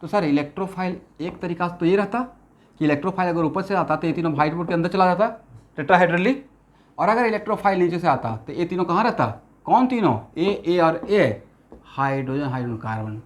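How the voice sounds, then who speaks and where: A male chemistry teacher lectures a classroom in Hindi with an Assamese-influenced accent, mixing in English terms and constantly checking that students follow. His voice is high, a little fast, with lively intonation.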